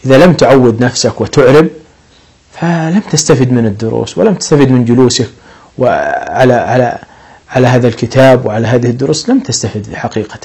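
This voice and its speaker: A man's voice: medium pitch, expressive, brisk, darkish tone, slightly rough, poor audio. A man teaching an Arabic grammar lesson, explaining patiently step by step and lifting his voice on each example sentence.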